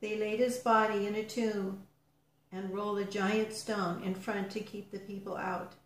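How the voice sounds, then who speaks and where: A woman reads a storybook aloud to children at an unhurried pace. Her delivery is gentle and expressive and falls soft at solemn moments. The sound rings in an echoey room. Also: mid-range voice.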